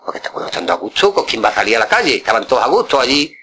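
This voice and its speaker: A man's voice: medium pitch, big pitch swings, racing, pushed and bright, breathy edge. An older man, a flamenco guitarist, reminiscing casually in an interview, rambling and repeating words with many tag questions.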